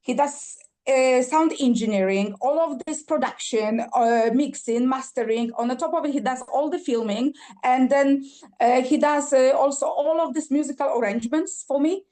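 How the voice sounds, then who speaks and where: On a podcast, a singer-songwriter from Poland talks with real enthusiasm in a high, mellow female voice. Polish is her first language; her speech halts often, thick with fillers, repeats and restarts.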